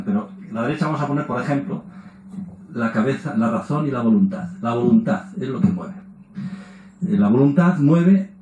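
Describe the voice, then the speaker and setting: A man's voice: mid-range voice, dark tone, echoey room, a little hiss or hum, poor audio. A man giving a lecture, tossing in rhetorical questions and tag words as he explains. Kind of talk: public lecture.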